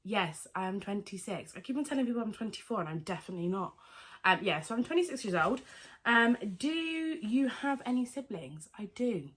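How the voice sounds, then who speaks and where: A woman's voice: mid-range voice, lively intonation, a little fast. Chatty woman in her twenties. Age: 20s. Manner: chatty, rambling, with many fillers and self-corrections. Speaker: vlogger. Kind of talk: casual Q&A vlog.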